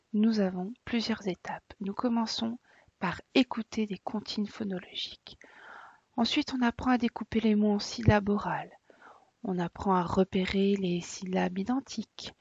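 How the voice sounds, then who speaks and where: A woman teacher calmly explaining to parents, in a soft, partly whispered way. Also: medium pitch, breathy edge, dry recording. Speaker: preschool teacher. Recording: dull lo-fi dry sound.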